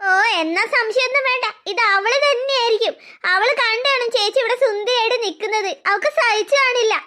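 An eager little sister from a cartoon story, played by a woman, chatty and quick to take sides. The voice is very high and bright.

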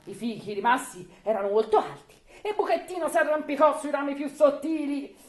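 A woman reading a folk tale aloud at a live evening event, expressive with laughing asides. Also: high voice, a little fast. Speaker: storyteller. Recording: echoey room.

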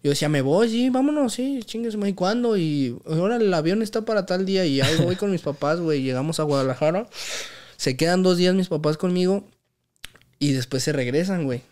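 A man's voice: a little high, fairly quick, a little mellow. A young man from Mexico City with a chilango accent, casually telling stories as a podcast guest, full of slang and "güey". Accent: Mexico City Spanish. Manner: slangy, says "güey" constantly, acts out quoted voices. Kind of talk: casual storytelling chat.

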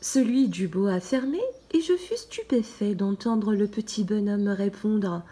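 A woman giving a slow, gentle first-person narration in a soft, partly whispered storybook reading. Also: medium pitch, slightly rough. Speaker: storybook reader.

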